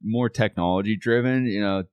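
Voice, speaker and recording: Very deep-voiced man, plain-spoken podcast guest. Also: moderate pace, clear, resonant tone, no echo, dull audio. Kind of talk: casual podcast chat.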